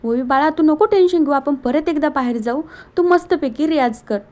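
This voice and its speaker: A caring, somewhat harried young father who talks to children gently, as a woman reads him out. The voice is high and coaxing. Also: moderate pace, lightly acted.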